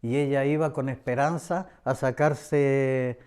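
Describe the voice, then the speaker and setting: A middle-aged man with a Chilean accent shares a personal religious testimony in an earnest, repetitive way. His voice is warm and mellow, smooth and clear. He often pauses on hesitant fillers between phrases. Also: medium pitch, steady tone. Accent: Chilean Spanish. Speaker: church member giving testimony.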